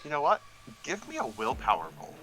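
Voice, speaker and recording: Bright-voiced man running a tabletop game. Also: on the high side, brisk, slight background noise. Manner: relaxed, uses many fillers. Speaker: game master.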